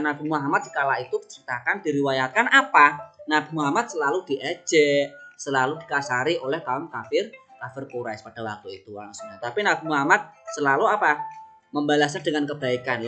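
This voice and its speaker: A man's voice: fairly high pitch, animated, brisk, bright, forceful tone, faint music behind. A man teaching a religion lesson to young children, coaxing them along by asking questions and answering them himself.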